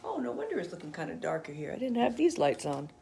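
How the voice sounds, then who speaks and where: A woman yoga instructor guiding a gentle stretch session, chatty and encouraging between breathing cues. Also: on the low side, big pitch swings, fast talker, vocal fry, reverberant, a little hiss or hum.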